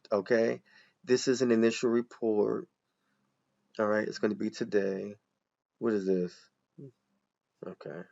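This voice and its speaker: Gravelly man chatting through a walkthrough. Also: mid-range voice, highs cut off. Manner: chatty, thinks aloud, addresses viewers as y'all. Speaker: accountant. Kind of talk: casual screen walkthrough.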